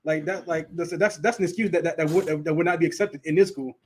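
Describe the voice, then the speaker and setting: A man leads a Sabbath class in casual Bible teaching, speaking fast in a slightly high voice with fairly even intonation. He stutters and repeats words, laughs often, and addresses the class directly.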